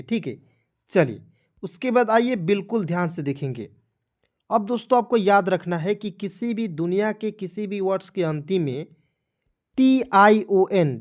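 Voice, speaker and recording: A man from India teaching English pronunciation, spelling words out slowly, letter by letter, and repeating them. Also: high voice, a little mellow. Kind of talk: classroom-style phonics lesson.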